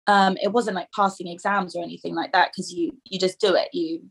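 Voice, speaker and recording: A woman in her twenties from England, a dental student, talking casually in an interview, full of fillers and quick to laugh at herself. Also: lowish voice, flat delivery, slightly rough. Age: 20s. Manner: chatty, filler-heavy, self-deprecating and laughing often.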